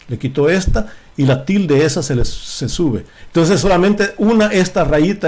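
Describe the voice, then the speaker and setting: A man's voice: a little high, darkish tone. Emphatic man teaching a Bible study. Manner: repeats words, many restarts and fillers. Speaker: lay preacher.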